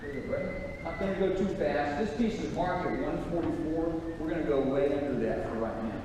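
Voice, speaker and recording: A man's voice: a little high, brisk. Band clinician, middle-aged man, counts off and coaches; roomy distant sound with audible room noise. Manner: counts off the band and gives instructions in a lively, coaching way. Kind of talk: conducting a band rehearsal clinic. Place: school band room or hall. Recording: echoey hall picked up from far off.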